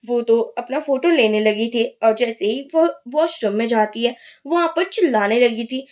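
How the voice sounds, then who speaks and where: A woman narrating a drama recap in a lively, conversational way. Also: on the high side, normal speed. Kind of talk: storytelling recap.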